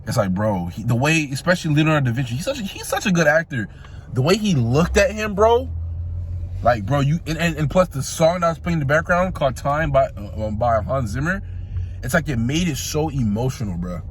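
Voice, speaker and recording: A man's voice: a little high, very animated, fairly quick, slight background noise. A young man talking casually in a vlog, slangy and rambling, calling viewers "bro" and restarting his sentences often. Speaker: vlogger. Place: car, on the road.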